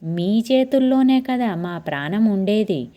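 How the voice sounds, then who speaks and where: A woman's voice: mid-range voice, lively intonation, dark tone, close to an everyday voice. A woman doing a teasing, exasperated husband. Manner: teasing, drawn-out.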